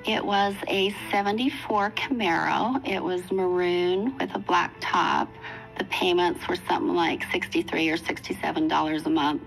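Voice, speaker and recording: Gravelly-voiced woman in her sixties recounting. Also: on the low side, steady tone, soft background music, low-quality recording. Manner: earnest, reflective storytelling with pauses and restarts. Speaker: interviewee recounting her past. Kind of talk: documentary interview testimony.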